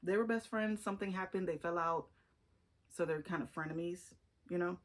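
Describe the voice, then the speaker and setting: A woman's voice: lowish voice, moderate pace. A woman talking casually to camera about her favorite books, chatty and gushing, with restarts and fillers. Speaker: book reviewer. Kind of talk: casual book review vlog.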